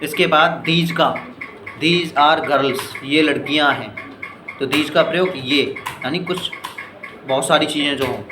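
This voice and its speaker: An Indian man teaching spoken English in Hindi, explaining step by step and often asking whether his students understood. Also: fairly high pitch. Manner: explains slowly, asks "clear?" and "ठीक है" often; reads English examples very slowly and deliberately. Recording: echoey room with noisy background.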